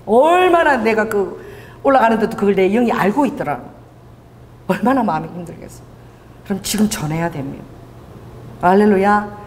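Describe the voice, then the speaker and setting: A middle-aged woman pastor preaching a sermon, telling stories with lively delivery and acting out dialogue. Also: medium pitch, slight background noise. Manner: animated storytelling, acting out dialogue. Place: church sanctuary. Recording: church hall reverb.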